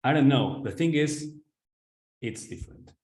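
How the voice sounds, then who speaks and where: Argentine-accented male executive coach, earnest webinar delivery, mid-pitched, roomy echo. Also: expressive, a little slow, a little mellow. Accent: Argentine Spanish. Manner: earnest, addresses audience directly, frequent "right?" tag questions. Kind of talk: webinar presentation.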